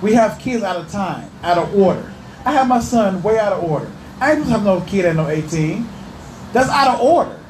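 A man's voice: sits high, animated, a little fast, darkish tone. A man in a heated casual group debate, insistent, repeating himself and talking over the others. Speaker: discussion panelist. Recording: echoey room, faint background noise.

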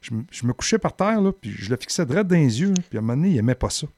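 A man with a Quebec French accent, telling a story in casual conversation on a podcast, animated and swearing casually. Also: medium pitch, racing. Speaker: podcast co-host.

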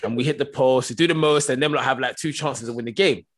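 A young man with a London roadman accent chats about football among friends. His voice sits at an average male pitch. He tells it as an animated story, packed with street slang and tag questions. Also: quick pace. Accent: London, multicultural street slang. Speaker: football fan panellist. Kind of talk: casual football banter.

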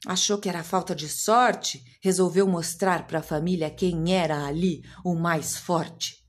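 A woman reading a rhyming children's story aloud in an expressive, sing-song way. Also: lowish voice, measured pace.

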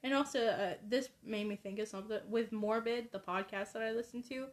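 A woman's voice: a little high, fairly even intonation, fairly quick. A woman co-hosting a casual podcast, talking in a hesitant, hedging way with frequent ums. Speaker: podcast co-host.

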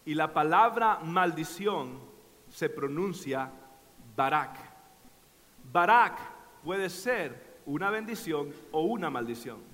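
A man preaching a sermon, impassioned, swinging from hushed storytelling to shouting. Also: a little high, expressive, slow pace, long reverb tail.

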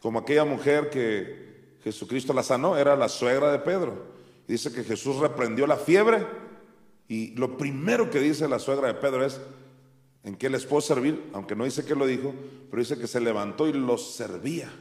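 A man with a Mexican Spanish accent preaching a sermon, animatedly acting out Bible voices with sharp rises and drops. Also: mid-range voice, normal speed. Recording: echoey hall with faint music.

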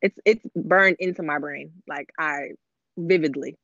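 A woman's voice: sits low, a little slow, vocal fry, a bit bright, no echo, dull audio. A woman in her thirties, a podcast guest, telling her story openly in casual chat. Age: 30s. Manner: candid, open storytelling.

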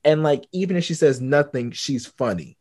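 A man co-hosting a casual chat, rambling quickly with lots of fillers and the odd swear. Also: on the high side, expressive, darkish tone, breathy edge, no room sound. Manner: rambling, fast, filler-heavy, swears freely. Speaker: podcast co-host.

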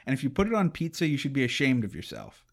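A man's voice: mid-range voice, wildly swooping pitch, fast talker, vocal fry. A man hosting a casual podcast, wry and teasing as he steers the talk. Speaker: podcast host.

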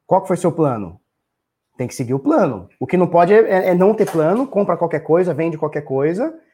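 A man's voice: on the high side, very animated, fairly quick, mellow, breathy edge. A man in his thirties with a Brazilian Portuguese accent, a live streamer ranting bluntly to his chat, swearing freely and repeating his points, a little tipsy. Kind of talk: casual profane rant.

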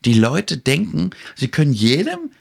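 A man's voice: on the high side, wildly swooping pitch, a little slow, gravelly, slightly rough. Indignant, theatrical man. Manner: indignant, theatrical, acts out dialogue. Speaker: podcast host. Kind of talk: animated casual chat.

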